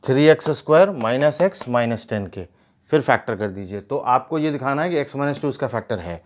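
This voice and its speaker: This is a man teaching math at a whiteboard, his mid-range voice expressive and fairly quick. Explaining each step, he asks rhetorical questions and weaves English math terminology into what he says.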